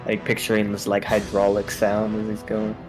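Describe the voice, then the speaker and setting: A man's voice: on the low side, monotone, moderate pace. A man chatting casually and jokily as a player in a tabletop role-playing game. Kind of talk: casual joking game chat. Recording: music behind the voice.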